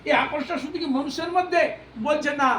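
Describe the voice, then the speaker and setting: A man's voice: extremely high pitch, steady tone, quick pace, pushed and bright. A man giving a devotional sermon, asking rhetorical questions, repeating phrases for emphasis and breaking into sung verses. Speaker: preacher. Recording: echoey hall, mic at a distance, faint noise.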